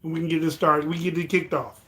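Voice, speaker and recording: A man's voice: fairly high pitch, little pitch movement, fast talker, pushed and bright. A tipsy man hosting a casual livestream, chatting to viewers in a loose, rambling way and repeating himself. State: tipsy from drinking. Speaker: livestream host. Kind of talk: casual live chat with viewers.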